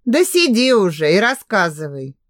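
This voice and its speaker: A woman's voice: medium pitch, sing-song, normal speed, no echo, studio quality, close to an everyday voice. A woman voicing a cocky young man who teases lazily and gives orders. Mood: bossy serious. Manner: lazy, commanding.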